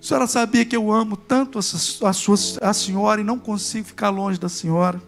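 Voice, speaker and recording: Little boy, affectionate and pleading, as a male preacher puts him on; high, bright voice. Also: steady tone, a little fast, gravelly, soft background music. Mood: tender pleading.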